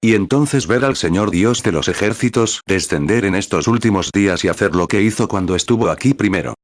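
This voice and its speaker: A man with a very deep voice reads a translated sermon in an earnest, preaching tone. The recording is dry and close, with no room sound. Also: lively intonation, a little fast, no room sound. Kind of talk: sermon reading with numbered paragraphs.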